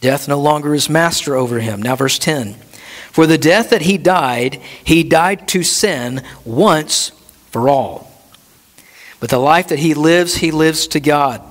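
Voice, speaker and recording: A man preaching in an earnest, emphatic way, his voice sitting a little higher than most men's. He draws out the words he wants to land. His voice carries a long reverb from a church hall. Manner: earnest preaching, slowing down to stress key words. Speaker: pastor. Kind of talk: sermon.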